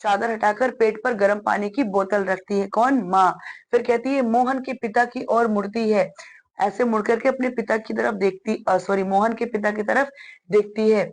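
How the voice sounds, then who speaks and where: A woman's voice: mid-range voice, steady tone, moderate pace. A woman teacher patiently explaining a one-act play to children and often addressing them directly.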